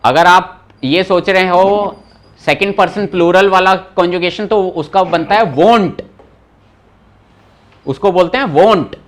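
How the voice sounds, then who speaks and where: A young man with a high-sitting voice leads a live online German class at a measured pace, pausing often. Switching casually between Hindi and English, he explains meanings of words and puts students on the spot by name, poking fun when they forget.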